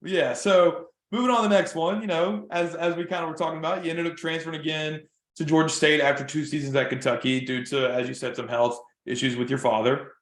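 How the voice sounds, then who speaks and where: A man's voice: on the high side, flat delivery, fairly quick. A man hosting a podcast interview, friendly and chatty, with lots of fillers and restarts. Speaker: podcast host. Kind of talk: casual interview chat. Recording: echoey room.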